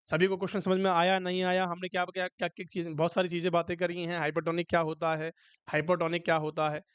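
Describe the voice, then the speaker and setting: A man's voice: sits high, fairly bright tone, smooth, no echo. A male nursing exam tutor giving an online lecture, who keeps asking students whether they have understood and mixes English medical terms into his Hindi. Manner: coaxing, repeatedly checks if students understood.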